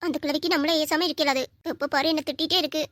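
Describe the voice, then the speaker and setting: A woman playing a chatty, bright young woman. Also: sits high, steady tone, fast talker. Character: young woman, nurse and playful married sister. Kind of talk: Tamil audio drama acting.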